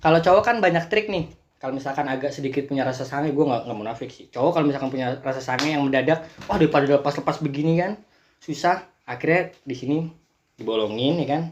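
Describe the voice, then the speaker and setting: A man's voice: mid-range voice, quick pace. A man hosting a reaction video, ranting casually and swearing a lot as he mocks clips. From Central Java, Indonesia. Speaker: host of a reaction channel.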